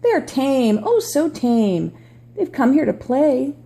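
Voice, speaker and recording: A woman voicing a breezy, mischievous male storybook cat with a smooth-talking, coaxing manner. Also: high-pitched, sing-song, takes it slowly, dark tone, full character voice. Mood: reassuring, playful. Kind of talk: storybook read aloud.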